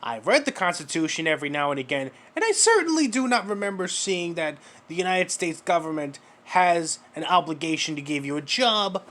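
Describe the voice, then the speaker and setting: A man's voice: fairly high pitch, fairly bright tone. A man giving mocking reaction commentary, sarcastic and profane, lecturing the person in a clip.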